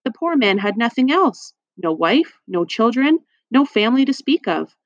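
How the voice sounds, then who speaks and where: A soft-hearted dinner lady speaks in a high, gushing and fretful voice, as a woman puts her on for a storybook reading. The recording is dry and a little muffled. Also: big pitch swings, normal speed, no room sound. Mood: distressed.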